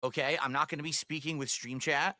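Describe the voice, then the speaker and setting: A man hosting a livestreamed podcast, explaining things to viewers in a deliberate, emphatic way. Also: a little high, steady tone, bright, forceful tone, dry recording, studio quality. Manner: deliberate, emphatic, checking in with "all right". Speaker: podcast host and streamer.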